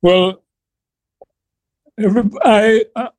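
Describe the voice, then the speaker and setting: Brief: Trinidadian man, guest musician, mellow, unhurried storyteller. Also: sits high, steady tone, a little hiss or hum. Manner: slow, earnest storytelling. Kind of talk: reminiscing interview answer.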